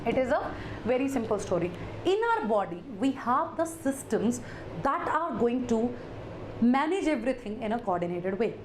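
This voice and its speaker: High-pitched North Indian woman teaching. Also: sing-song, normal speed. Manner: repeats phrases, addresses students directly, mixes in Hindi interjections. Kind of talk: live lecture to students. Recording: echoey room, faint background noise.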